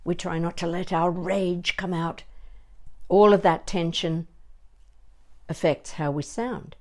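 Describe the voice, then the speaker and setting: An older woman working as a voice coach gives a conversational demonstration, deliberate and emphatic, pausing between short phrases. Her voice is lowish and darkish, with fairly even intonation.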